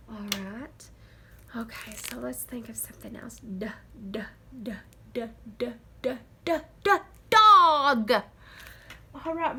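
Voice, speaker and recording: Slow bright-voiced kindergarten teacher. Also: female voice, a little high, slight background noise. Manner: slow, encouraging, sounds out letters. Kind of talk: phonics lesson for young children.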